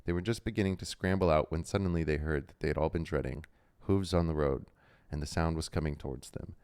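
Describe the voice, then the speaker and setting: A man with a deep, smooth voice reads a novel aloud on a livestream. His reading is steady and storybook-like, broken by relaxed asides. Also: fast talker. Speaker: book club host.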